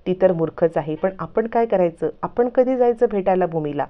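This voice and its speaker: A woman's voice: lowish voice, animated, brisk, narrow, tinny audio, natural voice. A woman voicing a nervous young man who keeps asking anxious questions.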